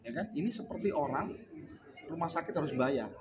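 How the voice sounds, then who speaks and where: A man's voice: on the high side, lively intonation, a little fast, noisy background. A male business coach gives a motivational talk at a sales meeting. He keeps asking the room "ya kan?" and acts out sales conversations. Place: indoor meeting room with a live audience. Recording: crowd reacting in the room. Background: audience laughter.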